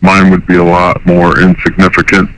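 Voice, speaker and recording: A man calling in to a talk show, his voice disguised deep through a voice changer, speaking hesitantly with fillers. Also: monotone, normal speed, a bit bright, poor audio. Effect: voice disguiser lowering the voice. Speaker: caller. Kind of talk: casual call-in chat.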